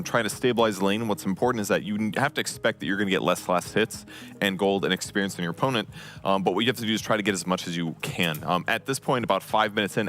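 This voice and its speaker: A man's voice: deep voice, a bit bright. A man giving a detailed game breakdown as an esports analyst, explaining with frequent ums. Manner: quick, explanatory, many ums.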